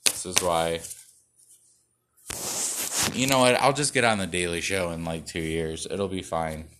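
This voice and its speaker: A man's voice: low-pitched, a little slow, noisy background. A young man doing a rambling, self-mocking comedy monologue read from cards, full of fillers, restarts and swearing. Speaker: stand-up comedian.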